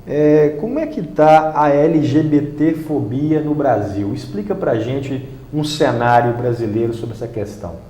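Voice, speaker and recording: A man's voice: on the high side, a little slow, few pauses, dark tone, echoey room. A man hosting a TV studio interview, asking short questions and recapping the answers. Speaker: TV host.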